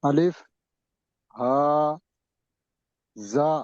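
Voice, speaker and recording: A man, an adult student, reading letters aloud one at a time, slow and hesitant, over a video call. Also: mid-range voice, animated, warm tone, no room sound. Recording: dull lo-fi call audio.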